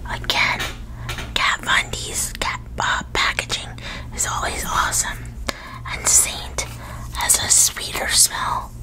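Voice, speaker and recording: A woman in her thirties whispering ASMR very close to a microphone, in short, halting phrases as she presents things. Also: low-quality recording. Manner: whispering, unvoiced, breathy. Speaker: ASMR video creator showing a perfume collection. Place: small indoor room at a desk. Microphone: large desktop USB microphone, very close.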